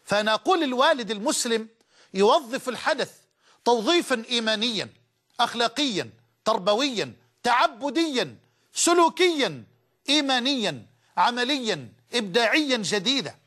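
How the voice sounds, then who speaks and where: A man's voice: extremely high pitch, sing-song, moderate pace, sharp tone. A man with an Egyptian Arabic accent preaching a sermon with passion, asking rhetorical questions and hammering points home by repeating them. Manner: impassioned, with rhetorical questions and emphatic repetition.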